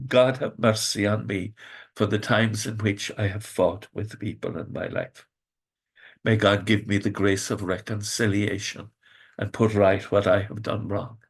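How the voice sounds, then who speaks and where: A man with an Irish accent giving a devotional reflection as a priest, reading scripture and commenting in a lilting, expressive storyteller manner with drawn-out emphasis. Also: fairly low pitch, gravelly, husky. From Ireland.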